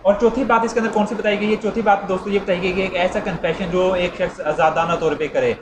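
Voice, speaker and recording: A law lecturer with a high voice talks fast and fairly evenly through an informal explanation. He repeats his points conversationally and acts out everyday examples to illustrate them, in an echoey room with noticeable background noise.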